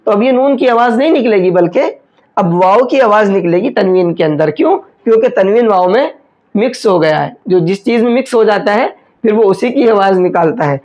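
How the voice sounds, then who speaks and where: A man teaching a step-by-step recitation lesson. He explains each rule patiently, often checks that it is understood, and draws out slow examples. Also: high-pitched, lively intonation, darkish tone. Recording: dull lo-fi recording.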